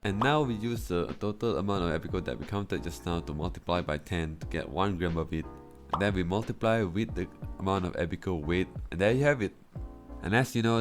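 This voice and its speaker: A man's voice: low voice, brisk, faint music behind. A man giving a chatty voice-over for his cooking vlog, explaining each step. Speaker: cooking vlogger. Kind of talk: casual voice-over narration. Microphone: voice-over recorded separately from the footage.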